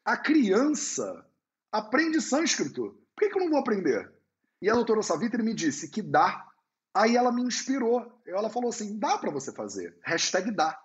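A man answering viewers' questions on a live stream, with a slightly high voice and a pitch that rises and falls freely. He speaks like a slangy storyteller. The audio is muffled and lo-fi. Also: normal speed. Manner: animated storyteller, slangy and conversational. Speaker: Ayurveda teacher hosting a live stream. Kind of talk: casual live-stream Q&A talk. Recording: dull lo-fi sound.

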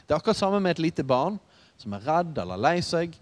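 A man's voice: on the high side, sing-song. Preaching man in a reverberant hall. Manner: conversational, storytelling with asides. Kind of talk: sermon.

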